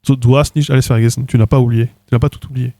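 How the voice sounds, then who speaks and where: A man's voice: medium pitch, fairly even intonation, quick pace, dark tone, no echo, studio quality. A man from France in his thirties chatting casually on a livestream, trying out languages with hesitant fillers. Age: 30s. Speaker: streamer.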